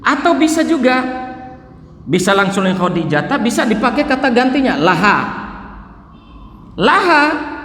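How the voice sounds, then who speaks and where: A man teaching a beginner grammar lesson, repeating example phrases slowly and then translating them. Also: high voice, a bit bright. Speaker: Arabic teacher. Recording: echoey room with long reverb.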